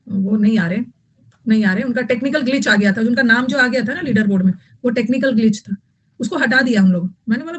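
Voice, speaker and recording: A young woman teaches English vocabulary to an online class. Her voice sits a little high. She goes over each meaning again and again and chats with the students as she goes. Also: rough recording. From Bihar, India. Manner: explains words in mixed Hindi and English, repeats herself, chats with students. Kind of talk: live online class lecture.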